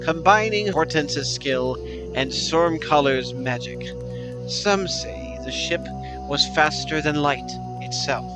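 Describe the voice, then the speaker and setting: A man putting on a grand epic-announcer voice to narrate a pirate legend like a storybook, slow and theatrical. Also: on the high side. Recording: clear music behind the voice.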